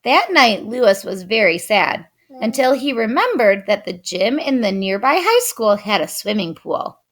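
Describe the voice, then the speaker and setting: A woman expressively reading a children's picture book aloud. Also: mid-range voice. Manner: expressive, unhurried. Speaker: storyteller.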